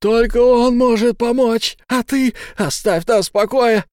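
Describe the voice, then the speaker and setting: A frantic young man in an audiobook scene, screaming his pleas at a strained, much higher pitch, as the male narrator acts him out. His voice is smooth and crisp, recorded dry and close. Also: steady tone, measured pace, darkish tone, no echo. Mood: desperate screaming. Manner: screaming, pleading. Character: young man, panicked desperate twin. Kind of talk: audiobook character voice.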